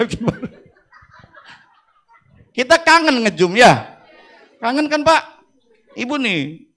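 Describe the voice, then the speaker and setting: A middle-aged man, a school principal giving a lively, joking workshop talk to teachers in an auditorium. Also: extremely high pitch. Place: auditorium with audience.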